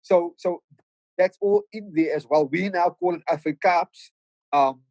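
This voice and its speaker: The lo-fi, dry clip captures a middle-aged South African podcast guest from the Cape Flats in Cape Town, a rapper and producer with a Cape Town accent. His voice is high and darkish, a little slow, and his casual, reflective talk is full of stammered restarts.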